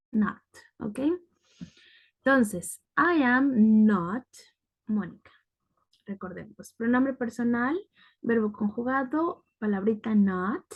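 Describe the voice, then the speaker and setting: A woman's voice: a little high, darkish tone, husky. A woman teaching a grammar lesson, patient and methodical, often checking in with the class. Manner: patient, repeats "ok" to check understanding. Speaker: English teacher.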